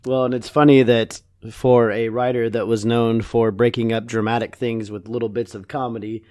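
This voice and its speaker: A man's voice: mid-range voice, flat delivery, moderate pace, a little mellow, no echo, studio quality. A man co-hosting a podcast, offering casual analytical commentary. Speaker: podcast co-host.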